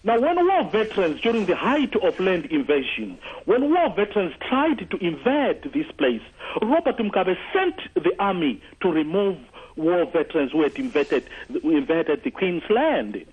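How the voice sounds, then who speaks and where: This caller from Zimbabwe has a high-pitched, somewhat mellow voice with a breathy edge and big pitch swings. Talking at normal speed with barely a pause, he makes his earnest case on a radio call-in show, tripping over fillers and restarts, all heard through a tinny phone line.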